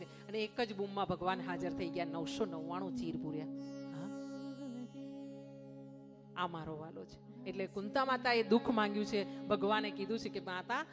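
A woman preacher telling a devotional story in a sermon, emphatic and often checking in with her listeners. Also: mid-range voice. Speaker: katha preacher. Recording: music clearly behind the voice.

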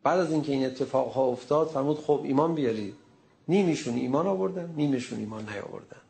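A male preacher giving a sermon, telling a story in an animated way and acting out the quoted speech. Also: mid-range voice, creaky.

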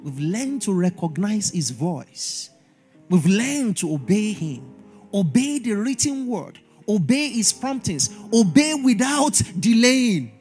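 A man delivering an animated church sermon in a very high voice that swings widely up and down. He drives his points home by repeating short exhortations and acting out little dialogues. Faint music sits under him. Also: slow pace. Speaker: pastor. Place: church service.

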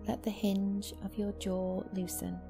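A yoga nidra teacher with a softly creaky, even-toned, medium-pitched voice leads a guided meditation, giving slow, soothing, gentle instructions with long pauses over new-age music.

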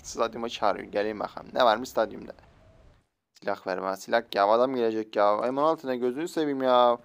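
A young man streaming a mobile shooter game, excitable, swearing and joking at other players as he plays. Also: medium pitch, fast, creaky, clear, resonant tone. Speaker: gaming streamer. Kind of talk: live mobile game commentary. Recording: faint game gunfire behind.

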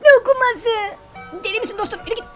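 A man voicing a bookish male mannequin who talks very fast in a high, squeaky voice. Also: a bit bright, faint music behind. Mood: rapid, silly.

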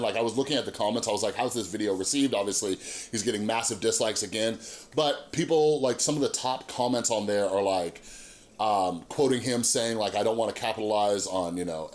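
A man in his thirties hosting a YouTube channel, giving casual, earnest opinion commentary and often checking that listeners agree. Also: fairly low pitch. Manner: earnest, emphatic, seeks agreement with frequent rhetorical tags. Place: small indoor room with monitors.

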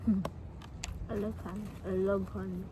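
A woman's voice: medium pitch, little pitch movement, moderate pace, noisy background. A woman with a Filipino accent, chatting casually as a vlog host while eating with her mouth full. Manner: chatty, switches between English and Tagalog mid-sentence. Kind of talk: casual mukbang chat.

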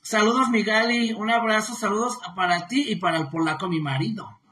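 A woman's voice: medium pitch, fairly quick, a bit bright. Chatty woman live-streaming. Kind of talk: casual live-stream chat reading viewer comments. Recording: roomy echo.

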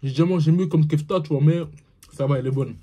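A man's voice: on the high side, quick pace, warm tone, slightly rough. A young man with his mouth partly full, giving a slangy, laid-back food tasting review, repeating himself as he chews. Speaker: food vlogger.

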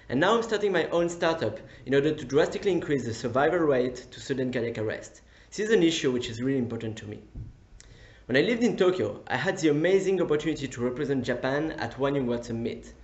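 A man in his twenties from France with a French accent, giving an earnest, enthusiastic self-introduction pitch. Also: echoey room, lo-fi sound. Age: 20s. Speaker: competition applicant.

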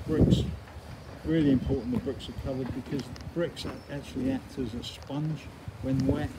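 A man's voice: mid-range voice, fairly even intonation, normal speed. A middle-aged man, a construction site manager, giving a practical guided walk-through of a building site, recorded on a handheld phone camera outdoors. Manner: practical, explanatory, often says "obviously". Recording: loud outdoor site noise. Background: outdoor noise and vehicles.

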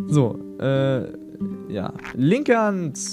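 Lively young man rambling over a game. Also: medium pitch, very slow. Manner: slangy, rambling, thinking aloud. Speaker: let's player. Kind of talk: casual gameplay commentary. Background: game music.

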